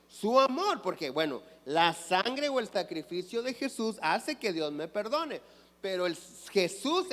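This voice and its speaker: A man's voice: sits high, fairly bright tone. A man preaching a sermon as pastor in a church, asking the congregation questions and answering them himself. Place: church sanctuary. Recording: long reverb of a church hall.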